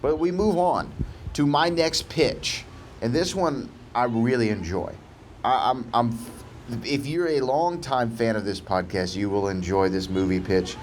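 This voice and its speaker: Man on a low-quality outdoor audio stream. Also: a little slow. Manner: pitches movie ideas to an AI, chatty with restarts. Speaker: podcast host. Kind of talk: casual podcast chat. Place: outdoors on a balcony by the ocean. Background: faint outdoor noise.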